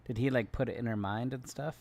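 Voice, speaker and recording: A man's voice: medium pitch, fairly even intonation, quick pace, darkish tone. A man giving casual game commentary, thinking aloud in musing questions. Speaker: gamer commenting on a playthrough.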